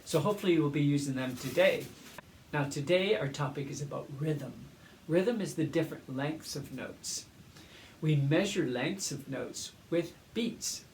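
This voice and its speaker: A man teaching a primary school music lesson, explaining clearly and patiently and chanting rhythms aloud. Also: fairly high pitch, moderate pace. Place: classroom. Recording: echoey room, mic at a distance, faint noise.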